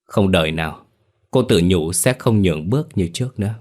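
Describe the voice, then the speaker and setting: A man narrating a dark family story in a somber, scripted telling. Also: low-pitched, lively intonation, a little fast. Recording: faint background music.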